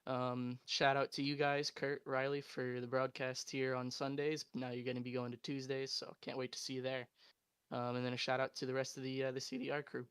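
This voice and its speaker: A man, the second-place racer, answering calmly and matter-of-factly in a post-race interview. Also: mid-range voice, a little fast, clear, resonant tone, dry recording. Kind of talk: casual interview.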